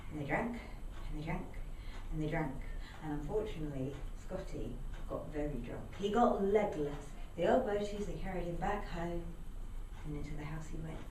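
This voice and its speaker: A woman telling a local folk story aloud to a live audience, in a lively, animated way. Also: fairly high pitch. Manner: lively, animated, voices characters. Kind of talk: live oral storytelling performance. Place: indoor storytelling venue. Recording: echoey room, mic far off, faint background noise.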